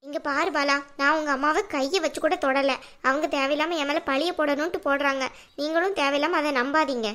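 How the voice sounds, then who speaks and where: A woman's voice: high voice, fairly even intonation, brisk, bright, forceful tone. A woman voicing a bold, blunt young daughter-in-law in a cartoon, arguing back defiantly. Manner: defiant, argumentative. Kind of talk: cartoon dubbing.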